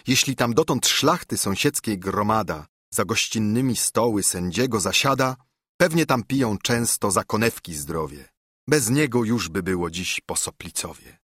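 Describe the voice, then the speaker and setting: Husky guy reading old epic poetry, dry close sound, steady recitation. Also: lowish voice, dry recording. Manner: measured verse recitation. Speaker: narrator. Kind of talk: reading an epic poem aloud.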